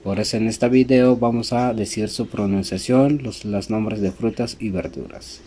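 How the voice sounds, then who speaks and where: A man whose first language is Tseltal gives a slow vocabulary lesson in a low, mellow voice. He says each word carefully and repeats it before giving the translation. Faint birdsong and outdoor ambience sit behind him. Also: a little hiss or hum. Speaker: language teacher.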